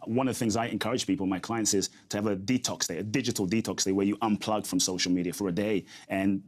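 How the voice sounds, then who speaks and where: This interview guest, a man who grew up in London, has a lowish voice, fairly even intonation and a quick pace. He talks in an earnest, reflective way and keeps coming back to his key phrases.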